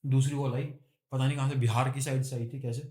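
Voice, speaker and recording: A young man telling a story from his own life on a podcast. He talks in a lively, casual way, mimics the people he quotes, swears freely and often laughs as he speaks. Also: medium pitch, quick pace. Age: young adult. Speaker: podcast guest. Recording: echoey room.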